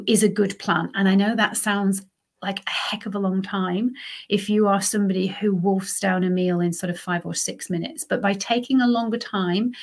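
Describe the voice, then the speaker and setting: A woman's voice: mid-range voice, vocal fry. A woman, a lifestyle coach hosting a solo podcast and explaining things in a conversational, emphatic way. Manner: conversational, emphatic, checks in with "okay" and "right".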